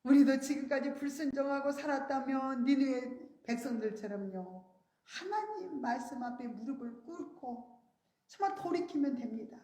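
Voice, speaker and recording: A woman preaching a sermon, telling a story earnestly and rising high on her emphasized words. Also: darkish tone, roomy sound. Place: church sanctuary.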